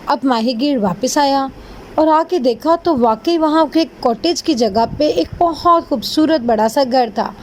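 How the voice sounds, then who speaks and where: A woman narrating a fairy tale for children in a gentle, expressive storytelling manner. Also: sits high, slight background noise.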